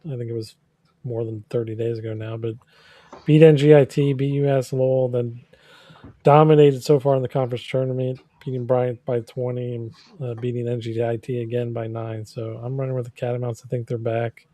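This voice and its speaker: Laid back guy with a warm dark voice explaining why he's backing a team. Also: medium pitch, flat delivery, brisk, no room sound. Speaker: co-host. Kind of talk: casual sports betting chat.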